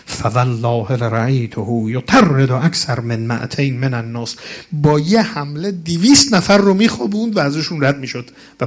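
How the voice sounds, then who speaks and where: A male preacher telling a religious story in a sermon, slowly reciting Arabic passages and then retelling them with dramatic swells. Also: mid-range voice.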